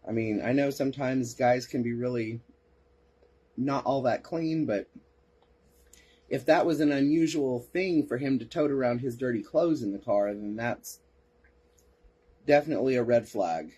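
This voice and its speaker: A man's voice: mid-range voice, unhurried, long pauses, dark tone, slightly rough. A man hosting a podcast, reading case reports aloud and breaking off for sarcastic asides and replies to listeners. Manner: sarcastic asides, answers chat comments. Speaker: podcast host.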